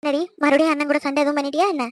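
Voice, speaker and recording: A woman's voice: sits high, flat delivery, rapid-fire, no room sound, voice pushed down, lightly acted. A woman voicing a worried middle-aged mother in a cartoon, alarmed and scolding. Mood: concerned.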